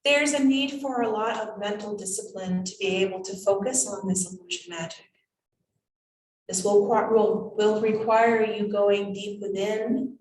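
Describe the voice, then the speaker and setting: A woman acting as a seance medium in trance, voicing a cryptic, whimsical spirit guide in halting, measured phrases. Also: medium pitch, fairly even intonation, darkish tone, a little hiss or hum, lightly acted. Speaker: channeling medium. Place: indoors, draped room. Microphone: distant camera microphone. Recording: roomy echo, distant microphone.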